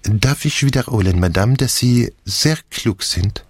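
An actor playing a clever, fussy middle-aged Belgian detective, speaking with a French accent and a precise, theatrical manner. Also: male voice, medium pitch, expressive, a little slow, no room sound, clean studio sound. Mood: smug lively. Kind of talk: audiobook character reading.

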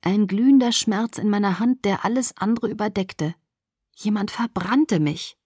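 Woman doing an audiobook, first person, dramatic and expressive, very dry close sound. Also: medium pitch, normal speed, breathy edge, no echo. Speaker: audiobook reader. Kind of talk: first-person novel reading.

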